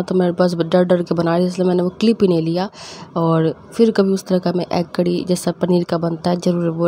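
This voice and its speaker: A woman's voice: lowish voice, mellow. A young woman, chatting casually as she cooks and tells family stories, laughing often and acting out her mother's scolding. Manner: acts out her mother's scolding in quick quoted bits. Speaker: cooking vlogger. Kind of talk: casual storytelling while cooking.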